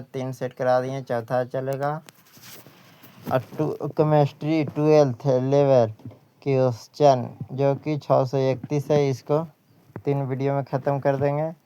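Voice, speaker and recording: Reading out exam-prep questions and answers in a halting way, an Indian-accented male teacher often repeats phrases. He speaks at medium pitch, a little mellow, with a clean tone.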